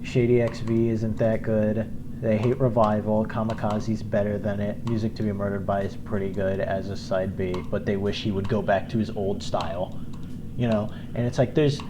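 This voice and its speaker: A man's voice: on the low side, little pitch movement, moderate pace, background noise. A young man giving casual gameplay commentary, rambling with many fillers and little chuckles.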